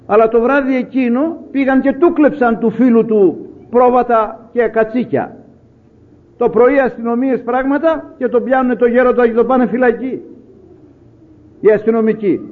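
A man preaching an evening sermon as a story, retelling dialogue and often repeating "he says" between the quoted words. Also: very high voice. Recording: narrow phone-like sound.

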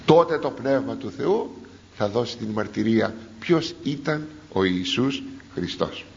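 A man preaching a sermon, explaining scripture to his congregation with animated rhetorical questions. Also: on the low side, creaky, a little hiss or hum. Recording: dull lo-fi recording.

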